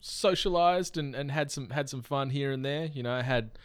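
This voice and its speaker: A man's voice: mid-range voice, moderate pace, smooth, no echo. An Australian man co-hosting a podcast, chatting casually and telling rambling stories. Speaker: podcast co-host.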